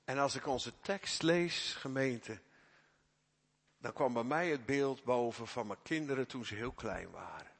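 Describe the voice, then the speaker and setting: A man's voice: medium pitch, unhurried, slightly rough. A middle-aged man preaching a sermon as pastor, earnest and emphatic as he addresses the congregation. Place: church. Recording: long church reverb.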